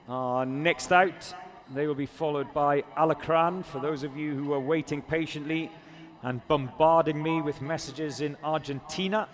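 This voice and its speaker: A man commentating live at an outdoor competition, chatty and self-correcting, and talking straight to the viewers watching online. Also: on the high side. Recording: crowd noise behind.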